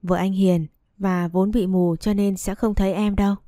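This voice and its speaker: A woman's voice: mid-range voice, flat delivery, normal speed, warm tone, dry recording, studio quality, close to an everyday voice. A woman reading the lines of a drunken, cheating young husband in a slurred, wheedling tone. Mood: drunk, mocking.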